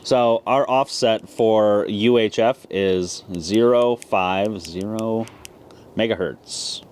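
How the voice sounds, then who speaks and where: Slowly and in a lowish, slightly mellow voice, a man hosting a ham radio video walks through a product tutorial step by step, keeping it casual and plain-spoken. You can clearly hear background noise in the recording.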